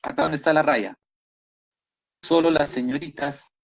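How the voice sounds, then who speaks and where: Encouraging Peruvian biology teacher, dull lo-fi audio. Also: male voice, fairly high pitch, measured pace, vocal fry. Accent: Peruvian Spanish. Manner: encouraging, repeats praise often. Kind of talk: online class, reviewing exam questions.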